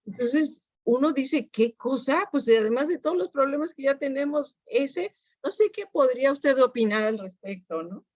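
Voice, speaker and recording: A woman's voice: high-pitched, lively intonation, moderate pace, darkish tone, no room sound, muffled recording. A woman commenting to a speaker at a conference in a chatty, conversational way. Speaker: audience member commenting.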